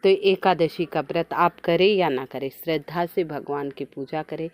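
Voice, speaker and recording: Low-voiced woman telling a devotional tale. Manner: simple, unhurried storytelling. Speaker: storyteller. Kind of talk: devotional folk tale narration.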